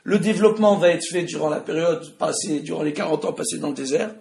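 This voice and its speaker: A man with a Tunisian French accent teaching a religious study class to an audience in a room. He speaks loudly and with emphasis, and often asks his listeners questions. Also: a little high, quick pace, vocal fry. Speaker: Torah teacher. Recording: echoey room.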